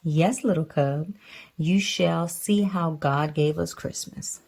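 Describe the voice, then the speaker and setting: A woman voicing a gentle mother bear from a storybook, patient and reassuring, with emphatic delivery. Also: low-pitched, takes it slowly, creaky, heavily acted.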